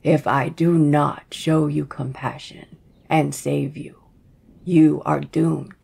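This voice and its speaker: Lady doing a creaky old granny in a fairy tale, slow and hushed, gravelly. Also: sits low, level tone, heavily acted. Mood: grave pity. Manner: slow, hushed, drops into whispers. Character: very old woman, pitying, secretive.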